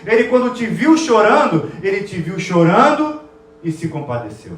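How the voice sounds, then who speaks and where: A man preaching a sermon as pastor, emotive and swinging between loud stresses and hushed key words. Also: high voice, wildly swooping pitch, moderate pace, soft background music. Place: church sanctuary. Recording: echoey church from a distant mic.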